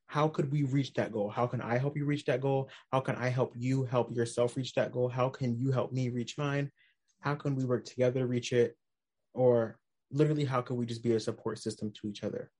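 A man's voice: medium pitch, moderate pace, darkish tone, slightly rough. Young male podcast guest, plain mid voice, casual, stacks rhetorical questions.

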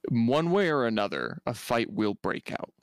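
A man's voice: mid-range voice, very animated, moderate pace, no echo. Playfully argumentative man, dry sound. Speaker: podcast co-host. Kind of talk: casual podcast debate.

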